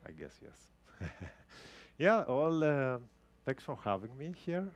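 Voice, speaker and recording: Delivering a tech talk as a guest speaker to a live audience, a Greek man who speaks Greek natively explains things casually with frequent restarts. His medium-pitched voice is slow and sing-song with vocal fry, and the lo-fi sound has no echo.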